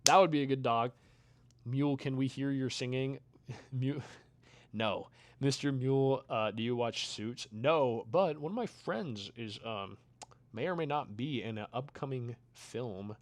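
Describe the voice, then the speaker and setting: A young streamer playing a video game chats casually with his viewers and reads their messages, his medium-pitched voice growing tired. He rambles at a measured pace, fades into quiet mumbles, then returns in short, louder bursts, with no room sound audible.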